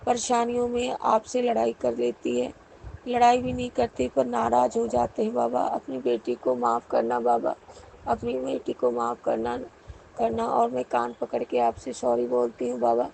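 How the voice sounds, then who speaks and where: A woman's voice: a little high, vocal fry, darkish tone, a little hiss or hum, rough recording. A middle-aged woman speaking a devotional prayer aloud, pleading with her guru again and again. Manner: pleading, repeatedly addressing the guru. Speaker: devotee sharing a personal prayer.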